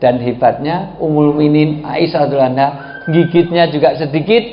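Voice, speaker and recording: A man with a Javanese accent giving a humorous sermon, telling stories and acting out quoted voices with high shouts. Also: a little fast, soft background music. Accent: Indonesian, Javanese. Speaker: preacher. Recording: roomy, dull sound with faint ambience.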